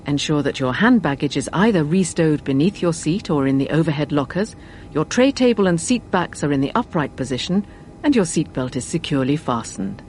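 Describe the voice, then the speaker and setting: A woman's voice: animated, a little fast, darkish tone. A woman flight attendant reading a scripted cabin safety announcement. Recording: faint cabin rumble and noise.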